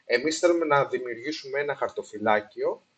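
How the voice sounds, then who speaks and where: A man talks through a casual explainer on investing, pausing with fillers and restarting his sentences. His voice is husky and his middle-pitched tone is plain. He often drops English phrases into his talk, and the recording is of poor quality. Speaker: investing video host. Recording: poor sound quality, apologized for.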